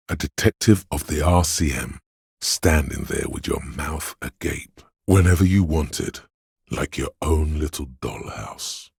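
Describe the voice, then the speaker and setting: An extremely deep, smooth, darkish male voice plays a hedonistic inner voice of craving and addiction in a video game, performed by a character voice actor. In dramatic second-person narration he coaxes the listener slyly and seductively, insinuating and savoring each word. It's a full character voice, recorded close and dry with no room sound.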